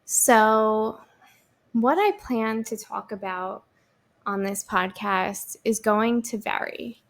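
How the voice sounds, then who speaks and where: A woman's voice: mid-range voice, creaky. A woman in her thirties hosting her own podcast, chatting alone in an upbeat, rambling way. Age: 30s. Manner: chatty, lots of fillers and restarts, upbeat. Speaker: podcast host. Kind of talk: solo podcast chat.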